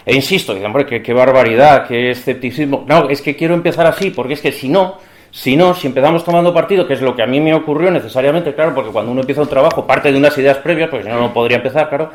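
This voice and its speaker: A man's voice: mid-range voice, quick pace. Man lecturing in an echoey hall. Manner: discursive, asks the audience rhetorical questions. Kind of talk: academic conference lecture.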